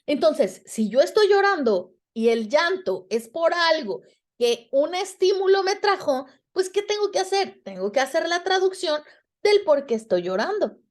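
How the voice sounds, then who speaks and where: Mexican woman talking to students bout emotions, highish voice, acts out little bits of dialogue. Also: measured pace. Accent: Mexican Spanish. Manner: expressive, acts out quoted dialogue. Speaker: speaker giving a talk on emotions. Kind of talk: reflective talk to students.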